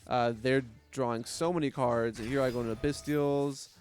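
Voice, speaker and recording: A man's voice: medium pitch, fairly even intonation, moderate pace, darkish tone, faint music behind. A man giving casual gameplay commentary, swearing often, mocking his opponents and laughing between plays. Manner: profane, trash-talking, laughs often. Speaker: gaming commentator.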